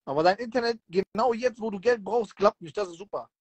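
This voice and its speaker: Man, thirties, high speaking voice, slangy casual livestream talker with Arabic expressions, dry phone sound. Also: a little fast, dry recording. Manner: colloquial street slang peppered with Arabic expressions. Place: indoors, lying in bed in a room. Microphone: phone held close, video call livestream.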